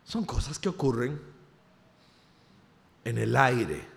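A man with a Costa Rican accent preaching, telling a humorous personal story in an animated way. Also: mid-range voice, slow, creaky. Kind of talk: storytelling sermon. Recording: reverberant hall.

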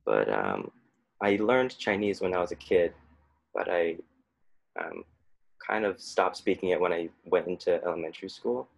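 A young man from Oregon, speaking hesitantly as a panel guest, with many pauses and ums. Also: low voice, very animated, creaky, no echo, low-quality recording. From Oregon, United States. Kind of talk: casual chat.

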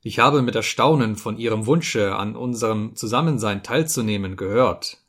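Man reading a smug officer, lisping, drawn-out, condescending. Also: fairly low pitch, fairly bright tone. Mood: patronizing. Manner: lisping, hissing, drawn-out words.

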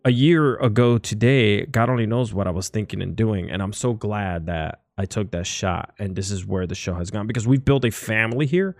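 A man's voice: fairly low pitch, moderate pace, gravelly, hardly any pauses, darkish tone, no room sound, clean studio sound. A man hosting a podcast, talking casually in a rambling, enthusiastic way. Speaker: podcast host. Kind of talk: casual interview chat.

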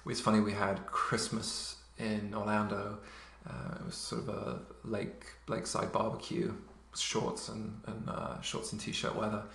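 A man in his thirties, raised in England and Luxembourg, telling stories in a relaxed way with many fillers. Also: fairly low pitch, unhurried, creaky, few pauses, slight background noise. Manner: relaxed storytelling, many fillers, occasional laughs. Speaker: interview guest. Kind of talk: casual conversation. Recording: echoey room.

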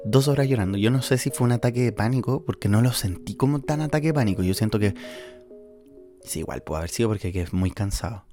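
Fast and expressive, with a fairly low pitch, a Chilean podcast host in his twenties, early twenties in fact, pours out a casual monologue on stress and anxiety. Faint music plays behind him as he speaks candidly and emotionally, at times laughing, at times tearful.

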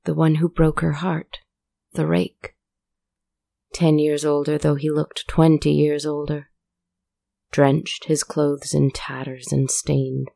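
A woman narrating a story in a measured, deliberate way. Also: deep voice, creaky, mellow, dry recording.

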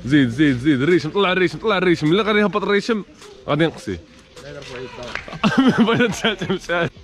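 A young man with a Moroccan accent hosting a challenge game, urging the players on with rapid repeated calls and frequent laughter. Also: a little high, lively intonation. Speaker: host running a challenge game. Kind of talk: energetic game commentary.

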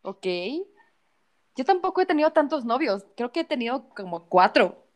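A woman with a Mexican Spanish accent, co-hosting a casual podcast chat, slangy and quick to laugh as she tells stories. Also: high voice, very animated. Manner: slangy, laughing storyteller, fills with "o sea". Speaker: podcast co-host.

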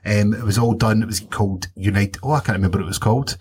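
Husky low-voiced podcast host. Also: male voice, fairly even intonation, quick pace, darkish tone. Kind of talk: casual chat.

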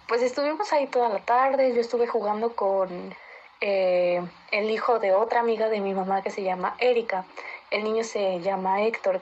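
A woman from Mexico, chatting casually about something that happened to her in childhood. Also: mid-range voice. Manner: chatty, meandering with fillers. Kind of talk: casual personal account. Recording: dull lo-fi recording with faint noise.

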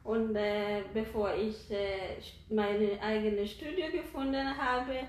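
A woman from Kenya, speaking German as a second language, answers interview questions slowly, with many fillers and tag questions. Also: mid-range voice, steady tone, reverberant, a little hiss or hum, low-quality recording. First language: not German. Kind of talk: conversational interview.

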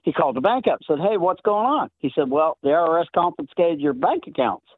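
Calling in to a show, this middle-aged man with a Southern accent tells stories chattily and laughs a lot. He sounds a little high, expressive, brisk and husky, with no room sound on a tinny phone connection.

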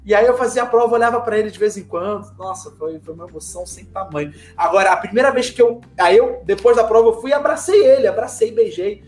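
A man telling a story in casual conversation, lively and acting out the dialogue he quotes. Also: high voice, fast, hardly any pauses, echoey room. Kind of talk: animated anecdote telling.

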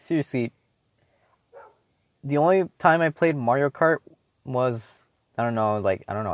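A teenage boy hosts his own solo podcast, rambling casually, swearing often, and filling his talk with fillers and restarts. His pitch is medium, there's no echo, and the sound is phone-quality.

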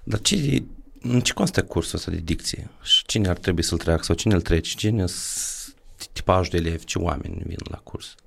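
A man's voice: low-pitched, expressive, creaky, fairly bright tone. A man hosting a podcast, asking plain follow-up questions. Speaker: podcast host. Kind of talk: interview questions.

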